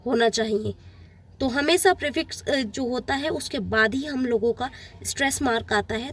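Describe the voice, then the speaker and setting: A woman teacher going through exam-prep slides, explaining plainly and repeating the key points for her students. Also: sits high.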